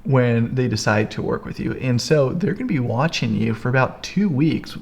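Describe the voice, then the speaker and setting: A young man co-hosting a coaching talk, energetic and emphatic, explaining sales follow-up in a casual teaching chat. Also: mid-range voice, normal speed, vocal fry. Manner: energetic, emphatic, repeats "here's the deal". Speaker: co-host, business coach.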